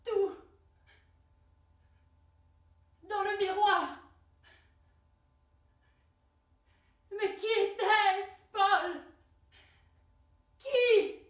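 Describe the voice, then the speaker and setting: An actress playing a bewildered young girl who searches her lost memory, speaking in halting, repeated words and anguished exclamations in a theatre monologue. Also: extremely high pitch, fairly bright tone, exaggerated voice. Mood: frantic, jealous. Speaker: stage actress. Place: theatre stage. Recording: echoey stage recorded from far off.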